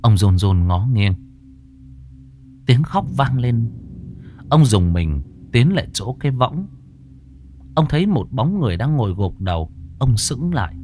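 A man narrating a ghost story in a measured, dramatic storytelling manner. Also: mid-range voice, very animated, mellow, a little hiss or hum.

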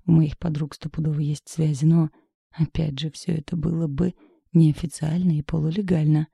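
A woman's voice: low voice, little pitch movement, normal speed, vocal fry, mellow, breathy edge, dry recording, clean studio sound. A woman reading a novel aloud in the first person, in a worried, confiding manner. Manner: worried, confiding inner monologue. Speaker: audiobook reader.

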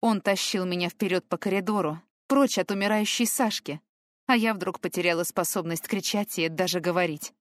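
A woman's voice: on the low side, normal speed, no echo. A woman reading an audiobook in first person, with tense, emotional storytelling. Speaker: audiobook narrator.

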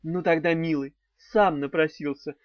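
A man voicing a young woman sorceress who taunts with mock-passionate, breathy sighs, in a dull, dry recording. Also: fairly high pitch, fairly even intonation, moderate pace, no room sound, lightly acted. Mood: cool, taunting.

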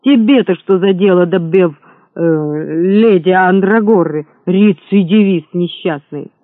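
A man's voice: high voice, measured pace, no room sound. A man voicing a brash, insolent young rogue who talks in a mocking, boastful way. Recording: thin phone-like sound, dry.

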